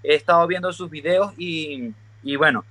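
A man's voice: fairly high pitch, normal speed, bright, forceful tone. A man from Venezuela, calling into a live stream over a video call, polite and a little hesitant. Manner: polite, hesitant, many fillers. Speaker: caller. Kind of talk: caller asking a question on a live stream.

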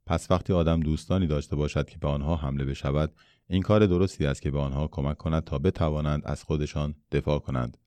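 A man voicing a gentle, curious boy in a storybook reading, speaking in an earnest, questioning way. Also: extremely low pitch, fairly even intonation, no room sound. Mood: thoughtful.

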